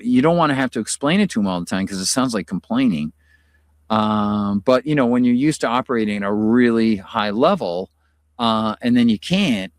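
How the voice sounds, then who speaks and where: Sounding worn out from being sick, a middle-aged man from the U.S. rambles casually on his live stream, using lots of fillers. He has a mid-range voice, and the recording is dry and studio quality.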